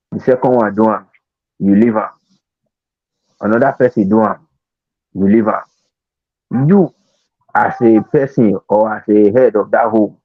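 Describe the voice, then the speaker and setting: A man with a Nigerian accent explaining his points step by step in casual Nigerian Pidgin, with a rough-edged voice. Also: on the low side. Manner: explanatory, reasoning through examples. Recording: roomy, tinny phone-like sound.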